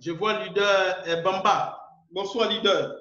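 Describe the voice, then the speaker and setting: A high, pushed and bright voice with a steady tone belongs to a man hosting an online meeting in an Ivorian French accent. Unhurried, he insistently urges the group and repeats words often, and the video call audio sounds muffled and echoey.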